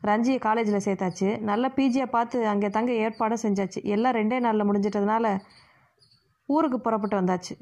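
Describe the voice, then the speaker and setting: A woman's voice: mid-range voice, steady tone, fairly quick, darkish tone, natural voice. Woman voicing a fretful scolding mother. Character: worried scolding middle-aged mother. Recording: muffled lo-fi recording.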